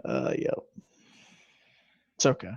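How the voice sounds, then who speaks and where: A man's voice: slow pace, a little mellow, no room sound, lo-fi sound. A man playing a tabletop role-playing game, easygoing and chatty. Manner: easygoing, swears when frustrated. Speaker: player. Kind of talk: tabletop game play, casual chat.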